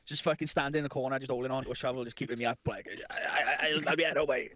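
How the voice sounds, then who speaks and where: A man's voice: mid-range voice, fairly even intonation, racing, bright, forceful tone, dry recording. A young man telling stories in casual podcast banter, swearing a lot and laughing as he talks. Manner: swears constantly, laughs through his stories. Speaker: podcast co-host.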